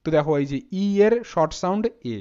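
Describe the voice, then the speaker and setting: High, smooth-voiced man teaching pronunciation. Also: fast, dark tone, lo-fi sound. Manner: patient, spells words out letter by letter. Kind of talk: spoken lesson.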